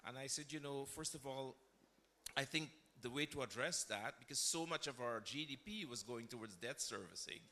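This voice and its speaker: A man's voice: medium pitch, moderate pace, sharp tone. A man in his fifties from Guyana with a Guyanese accent, speaking as a former diplomat on a panel, telling a story in a reflective way with self-corrections. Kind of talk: panel discussion.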